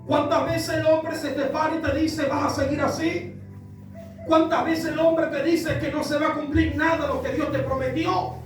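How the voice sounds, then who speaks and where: A man with an Argentine accent preaching a sermon, impassioned and rising to shouts, telling stories to his congregation. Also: extremely high pitch, level tone, normal speed, soft background music. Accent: Argentine Spanish. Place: church hall with congregation. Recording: echoey church, mic far off.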